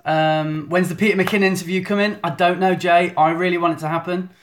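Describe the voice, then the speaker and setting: Chatty man, fairly high voice. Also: fairly even intonation, fairly quick. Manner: chatty, self-deprecating, lots of restarts. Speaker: photographer hosting a live stream. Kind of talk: live stream Q&A chat. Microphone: phone in selfie mode.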